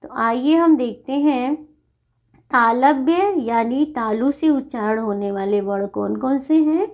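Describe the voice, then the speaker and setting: Lady teacher going through a lesson real slow, kinda high voice, patient, repeats stuff, muffled lo-fi sound. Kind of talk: classroom lesson explanation.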